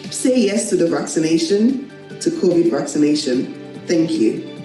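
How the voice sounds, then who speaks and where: A woman GP from Nigeria, giving an earnest, measured appeal to take the vaccine. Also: low voice, very animated, warm tone, heavy reverb, recorded from a distance, faint music behind, poor audio. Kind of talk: public health appeal to camera.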